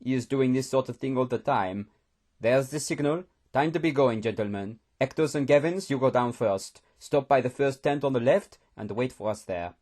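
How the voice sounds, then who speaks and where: A man voicing a seasoned male hunter who speaks in a low, measured, gruff way with slightly odd phrasing. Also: darkish tone, natural voice. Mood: calm.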